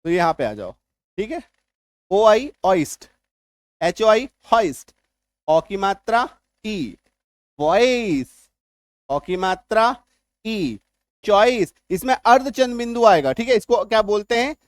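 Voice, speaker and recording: A man teaching English spelling and pronunciation in Hindi, going slowly, repeating words and often checking whether his viewers understood. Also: high-pitched, sing-song, no room sound, clean studio sound. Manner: slow and repetitive, often checking that viewers follow. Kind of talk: spoken Hindi spelling lesson.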